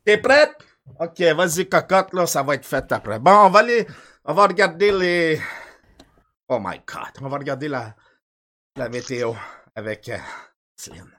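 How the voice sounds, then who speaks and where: A man's voice: fairly high pitch, animated, normal speed, pauses often, a bit bright. Quebec guy doing a goofy weather bit, stumbles over his words a lot, bouncy voice. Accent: Quebec French. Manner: rambling, stammering, joking. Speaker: comic weather presenter. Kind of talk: improvised comedy sketch.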